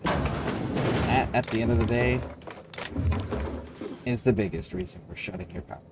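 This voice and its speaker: A man livestreaming a video game, thinking aloud and reading choices in a deliberate, explanatory way. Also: mid-range voice, heavy background noise. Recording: game music behind the voice.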